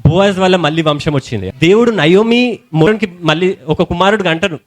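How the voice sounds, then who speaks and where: Young male preacher, Telangana Telugu accent, high voice, colloquial storytelling sermon. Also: a little fast. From India. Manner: storytelling sermon in colloquial speech, rising to shouted hallelujahs.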